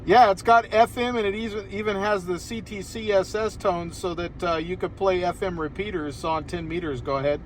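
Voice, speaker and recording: An American man chatting on amateur radio from inside a car parked outdoors on a hillside speaks in a high-pitched, steady voice at a moderate pace with few pauses. He rambles a little in this casual ham conversation, and there's slight background noise.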